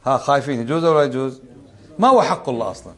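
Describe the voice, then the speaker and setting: Fast-talking man teaching a religious lesson. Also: mid-range voice, lively intonation, fairly bright tone. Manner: conversational, quizzes listeners with rhetorical questions. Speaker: Islamic scholar teaching a book.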